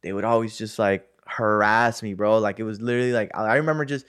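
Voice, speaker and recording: A man's voice: lowish voice, fairly even intonation, quick pace, a bit bright, smooth. A young man telling a story in casual chat, loose and slangy, with lots of fillers and cursing.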